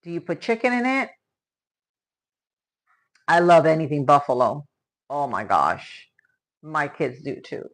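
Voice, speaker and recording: A woman with a lower-pitched voice hosts a live stream from her home kitchen, chatting casually with viewers while she cooks. She was born in Spain to Cuban parents and raised in Florida from age ten. Her intonation is lively and her pace a little slow with long pauses, and she chats, exclaims, and thanks viewers as she works.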